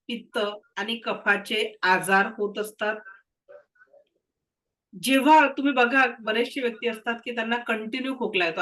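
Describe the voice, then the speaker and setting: A woman's voice: a little high, bright, forceful tone, rough recording. A woman teaching a reiki class. She has a cold and cough, and she explains patiently with case stories. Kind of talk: spoken lesson to students.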